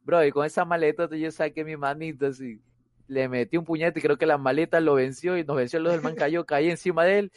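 A man telling a story in casual group chat, animated, often repeating himself and laughing between phrases. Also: a little high, fairly quick, no room sound, clean studio sound.

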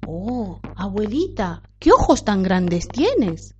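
A woman's voice: medium pitch, big pitch swings, slow, slightly rough, full character voice. A woman voicing a sweet, eager little girl in a red cape for a storybook tale. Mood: innocent. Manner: bright, eager, childlike. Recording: dull lo-fi recording.

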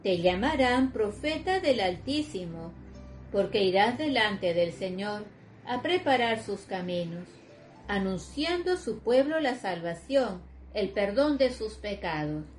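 A woman reciting liturgical morning prayer and its responses in a solemn, measured way. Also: medium pitch, lively intonation. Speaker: prayer co-leader giving responses. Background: soft music.

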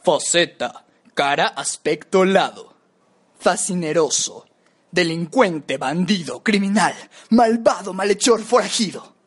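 A woman's voice: lowish voice, animated, husky. A woman from Mexico, a radio announcing student, reading synonym lists aloud and shifting her tone from word to word. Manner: slow, deliberate, shifting tone word by word.

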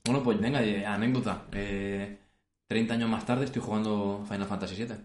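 A man, firing off quick quips and questions in a casual podcast chat. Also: lowish voice, fairly even intonation, a little mellow. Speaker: podcast co-host. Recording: roomy echo, faint noise.

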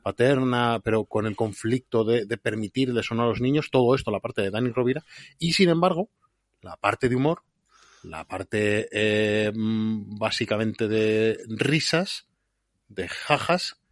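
A man's voice: on the low side, a little slow, dry recording, clean studio sound. A man discussing a film in a casual, analytical and emphatic way. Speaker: film commentator.

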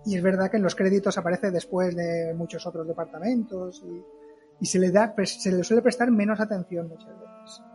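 A man talking casually as an interview guest, explaining haltingly and repeating words. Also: high-pitched, steady tone, warm tone, faint music behind. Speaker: podcast guest, film costume maker.

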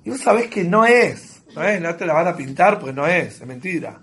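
A man's voice: high voice, fairly quick, a little hiss or hum. A man with a Rioplatense Spanish accent leading a group lesson, telling little scenes and asking the group questions. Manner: lively storytelling, asks the group questions. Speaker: workshop leader. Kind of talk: group lesson with role-play examples.

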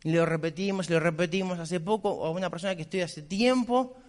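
A man's voice: high-pitched, fairly quick. Emphatic Argentine man in echoing hall. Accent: Rioplatense Argentine Spanish. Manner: emphatic, insistent, repeats points. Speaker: motivational speaker. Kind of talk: motivational business talk. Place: large convention hall. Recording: reverberant convention hall.

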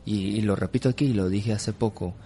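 A man from Caracas with a Venezuelan accent, a film festival director, appears as a guest on a spontaneous radio interview. In a fairly low, mellow voice he explains his opinions emphatically, sometimes pausing to search for words. Background noise is clearly audible.

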